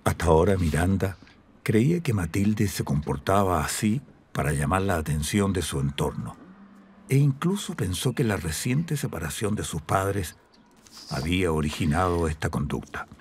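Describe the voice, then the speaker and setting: Deep-voiced grave male narrator. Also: very animated, moderate pace, darkish tone, slight background noise. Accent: Chilean. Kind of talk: scripted documentary-drama narration.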